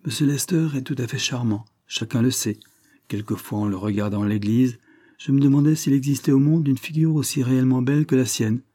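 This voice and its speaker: A man voicing a chattering young woman, a lord's sister, with a twittering little voice that gushes on without pause. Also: mid-range voice, steady tone, warm tone, voice pushed up, close to an everyday voice.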